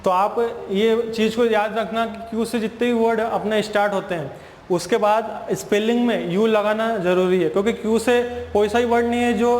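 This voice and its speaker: A male teacher giving a spoken English grammar lesson in Hindi, explaining patiently and repeating himself, often asking and answering his own questions. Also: sits high. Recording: echoey room with long reverb and faint hiss.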